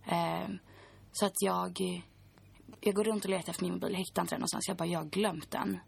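A woman's voice: lowish voice, steady tone, gravelly, breathy edge. A woman in her twenties, a podcast guest, recounting a personal story in a chatty way full of fillers.

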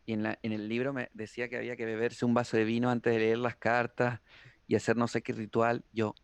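A man, a tarot reader talking as an interview guest, animated and playful. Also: medium pitch, brisk, clear, resonant tone, no room sound. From Argentina. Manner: animated storyteller, playful, slips into impressions. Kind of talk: casual interview chat.

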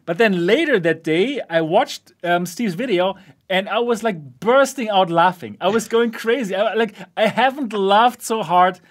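A man with a notably high speaking voice hosts a relaxed tech chat. He keeps breaking into laughter between points, and the talk stays loose and conversational. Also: a little slow. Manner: laughs often while talking. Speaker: host of a VR channel. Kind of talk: casual podcast chat.

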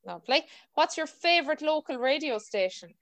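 A woman's voice: high voice, animated, brisk. A woman with a west of Ireland, County Mayo accent, hosting a casual, chatty podcast interview over a video call. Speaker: podcast host.

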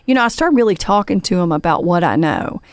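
A woman's voice: lowish voice, lively intonation, fast talker, no room sound. A woman hosting a podcast, telling a story in a casual, chatty way with lots of fillers and the odd "honey" for her guest. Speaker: podcast host.

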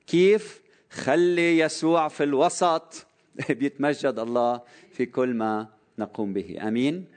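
A man preaching a sermon in a Lebanese Arabic accent, fervent, moving between soft low phrases and raised cries.

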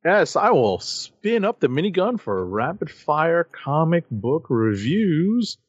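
A comic book podcast co-host casually runs through new issues, lively as he reads their credits and then chats. His voice is a little high, slow and slightly rough, recorded with no room sound and the highs cut off.

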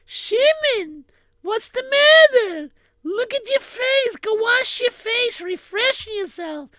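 Brief: shrill fussing mother, very high falsetto, bright and scolding, put on by a man. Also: lively intonation, takes it slowly, no room sound, full character voice.

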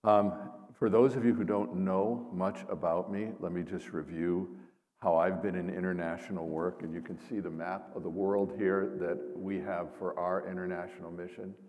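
Deep-voiced older man in reverberant church. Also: flat delivery, normal speed, a little mellow. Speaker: seminary professor and missionary pastor. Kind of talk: informal presentation to a congregation. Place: large indoor church space. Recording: reverberant church hall, long echo.

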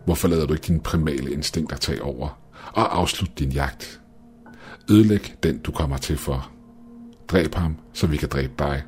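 A creepy, fanatical scientist who talks with unsettling, measured calm, as a storyteller puts him on. The voice is very deep and low, with soft music faintly behind. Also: male voice. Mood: commanding. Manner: eerily calm, slow and measured.

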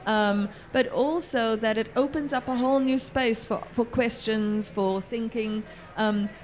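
A woman's voice: on the high side, steady tone, unhurried, a little mellow. A woman moderating a panel, reflecting aloud in a thoughtful, searching way. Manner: thoughtful, with many fillers and restarts.

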